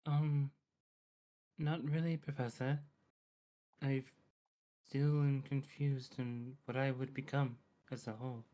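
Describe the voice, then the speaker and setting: Man playing a slow, hesitant young werewolf student. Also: medium pitch, little pitch movement, mellow, natural voice, rough recording. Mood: unsure, deferential. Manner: hesitant, halting, deferential. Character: nervous young student who is a lycanthrope.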